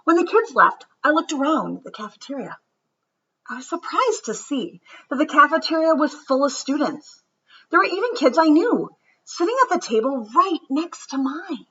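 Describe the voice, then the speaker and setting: A woman storyteller reads a picture book aloud for children with expressive narration, her high voice using deliberate, dramatic phrasing that sinks into hushed softness. The audio sounds dull.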